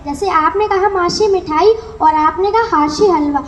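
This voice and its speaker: A woman's voice: very high-pitched, normal speed, slight background noise. A female performer playing a proud alphabet letter in a school stage skit, speaking out firmly. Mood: conciliatory. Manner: scornful, then conciliatory. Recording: echoey room.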